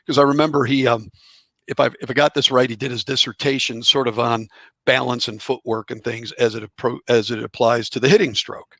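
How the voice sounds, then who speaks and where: A man's voice: medium pitch, fairly even intonation, fairly quick, vocal fry, fairly bright tone, no room sound. A middle-aged man, a former college ballplayer and author, telling chatty, rambling anecdotes as a podcast guest. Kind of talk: relaxed storytelling in a podcast interview.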